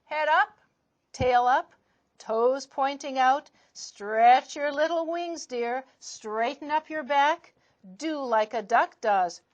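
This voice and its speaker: A woman's voice: high-pitched, takes it slowly. A woman voicing a firm, motherly female duck who coaxes and commands her ducklings in a storybook reading. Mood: coaxing.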